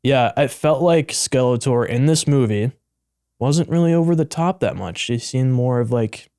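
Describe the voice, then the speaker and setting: A young man keeps the chat easygoing, asking his co-host questions in a relaxed, casual way. His pitch is middle for a man, and the sound is dry and close. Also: normal speed, clean tone, dry recording. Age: young adult. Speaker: podcast co-host.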